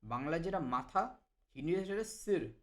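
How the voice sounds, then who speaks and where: A man teaching Hindi vocabulary to Bengali speakers, explaining each word and repeating it slowly. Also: fairly high pitch, expressive. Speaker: language teacher. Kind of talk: vocabulary lesson.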